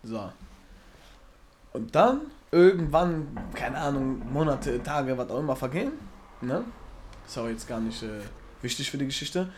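A man's voice: mid-range voice, lively intonation, measured pace, long pauses, a little mellow, slight background noise. A young man in casual chat, telling jokes in slangy street talk and often breaking into laughter.

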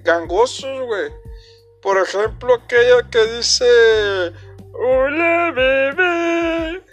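A brash young joke-teller with a strongly nasal voice, as a man puts him on, rambling loudly in Mexican street slang. His voice sits high and bright, pushed well above a normal speaking voice, with faint music behind. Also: extremely slow, full character voice. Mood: rowdy.

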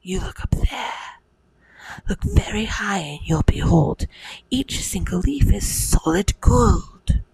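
A woman voicing an eager, cheeky young boy in a hushed bedtime storybook reading, breathy and whispery. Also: mid-range voice, lively intonation, slow, full character voice, poor audio. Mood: insistent, excited.

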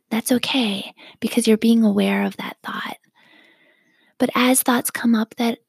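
In a medium-pitched, breathy half-whisper, a woman calmly and slowly guides listeners through a meditation, her phrases ending in gravelly fry. The sound is dry and close, with no echo or room around it.

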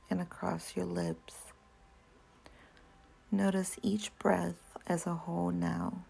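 A woman whispering a guided breathing meditation, softly counting breaths and giving slow, gentle instructions. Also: fairly low pitch, vocal fry. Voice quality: soft whisper.

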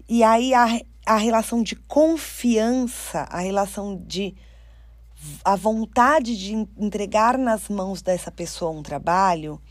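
A woman's voice: medium pitch, no echo. A woman with a Brazilian Portuguese accent gives an informal advice talk, speaking straight to her listeners and acting out quoted speech. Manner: animated, addresses listeners directly, acts out quoted speech. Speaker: career mentor for artists.

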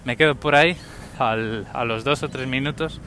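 A young man from Spain tells a story in a relaxed podcast chat, speaking with a Spanish accent. His voice is bright and forward, and it stays in a middle pitch. He slips into the voices of the people he describes as he goes. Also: moderate pace, a little hiss or hum. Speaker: podcast host. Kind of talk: casual anecdotal storytelling.

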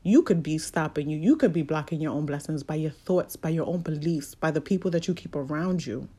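Woman, motivational speaker, casual and preachy, swears often; warm, lowish voice. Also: brisk, slightly rough. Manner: candid, profane, preachy.

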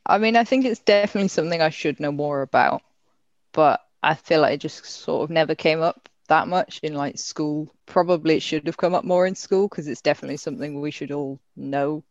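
A woman's voice: low voice, a little fast, no echo, muffled recording. A young woman, answering questions in casual conversation. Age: young adult. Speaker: interviewee.

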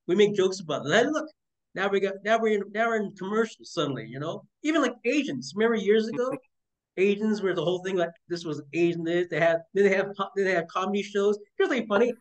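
Guy interviewing someone, talks fast, kinda rambly, laughs a bit. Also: high-pitched, low-quality recording. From Canada. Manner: rambling, animated, laughs often. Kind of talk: casual interview chat.

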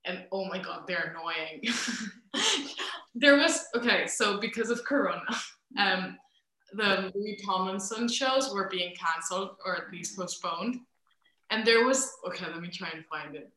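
A woman's voice: medium pitch, lively intonation, measured pace, sharp tone, echoey room. A woman co-hosting a casual podcast over a video call, blunt and teasing in her remarks. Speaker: podcast co-host. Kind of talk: casual chat. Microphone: video call mic.

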